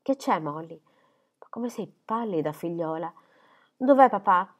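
A woman reading aloud and voicing a fussy, self-absorbed middle-aged stepmother who complains in a shrill, exclamatory way. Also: animated, unhurried. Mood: fretful.

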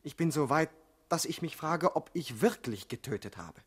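In a German radio play, an actor portrays a troubled male political assassin full of doubt, sounding bewildered. His husky voice sits on the high side, and his brooding, earnest delivery is animated at a normal speed.

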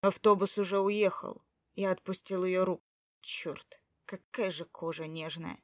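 A woman's voice: fairly low pitch, steady tone, unhurried, no room sound, studio quality, close to an everyday voice. A woman narrating in first person as a hot-tempered, jealous adult man, brusque and swearing under her breath.

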